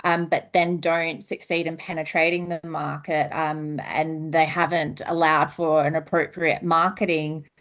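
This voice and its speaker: A woman's voice: sits low, flat delivery, unhurried, few pauses, fairly bright tone, muffled recording. A woman moderating a panel discussion, putting questions to the speakers in a conversational way.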